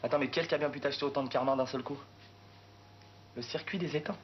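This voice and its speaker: An actor playing a cocky, teasing driver in film dialogue. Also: male voice, mid-range voice, steady tone, fast, lightly acted. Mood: confident. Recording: dull film soundtrack with noise.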